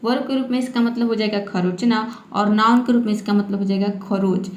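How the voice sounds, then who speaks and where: A woman who teaches English vocabulary in a patient manner. She spells out words and repeats them slowly, adding a steady "okay" after each point. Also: mid-range voice, reverberant. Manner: patient, repeats "ठीक है" often. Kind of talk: vocabulary lesson.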